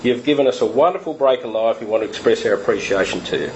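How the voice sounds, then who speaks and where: A man's voice: mid-range voice, fast, highs cut off, a little hiss or hum, close to an everyday voice. A man voicing an old English ex-cricketer with a Midlands accent, formally and earnestly thankful. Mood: earnest thanks.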